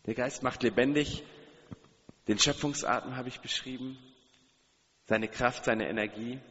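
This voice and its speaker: A man's voice: medium pitch, measured pace, pushed and bright, a little hiss or hum. A man preaching a sermon, speaking earnestly and putting direct questions to his listeners, repeating key phrases for emphasis. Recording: long hall reverb, dull sound.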